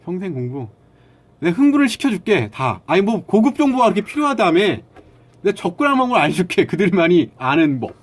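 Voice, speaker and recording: A man's voice: high-pitched, big pitch swings, fast talker. A man talking casually to his live-stream viewers, lecturing them bluntly and arguing back at their comments.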